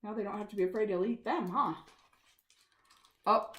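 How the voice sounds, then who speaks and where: A woman's voice: medium pitch, normal speed. A woman reading a children's storytime aloud and asking the children questions. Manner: animated, asks children questions. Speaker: storytime reader. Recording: echoey room.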